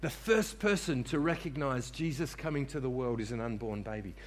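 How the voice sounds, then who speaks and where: A man's voice: medium pitch, fairly quick. A man preaching a sermon to a congregation in church, repeating key phrases for emphasis and calling on listeners to respond. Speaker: pastor.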